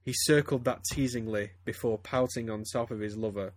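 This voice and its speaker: A man's voice: on the low side, steady tone, moderate pace, no room sound. A man reading fan fiction aloud to friends, stumbling and breaking into laughter as he goes. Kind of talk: casual comedic reading aloud.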